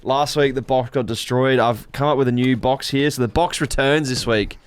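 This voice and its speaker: A man's voice: medium pitch, fairly even intonation, moderate pace, music in the background. A man from Geelong with an Australian accent, an upbeat co-host who introduces the segments of a casual podcast.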